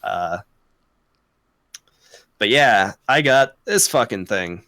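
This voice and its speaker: Young guy podcast cohost, smooth clear voice, dry close sound, rambles and swears. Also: on the low side, lively intonation, slow, sharp tone, no echo. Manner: rambling, profane, laughs often. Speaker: podcast co-host. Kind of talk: casual chat.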